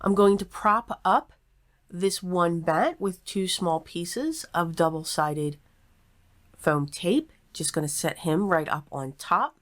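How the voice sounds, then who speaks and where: Lower-voiced woman teaching in an echoey room. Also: slow pace. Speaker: craft tutorial host. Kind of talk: casual step-by-step tutorial narration. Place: small table in a nearly empty craft room. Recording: echoey, sparsely furnished room.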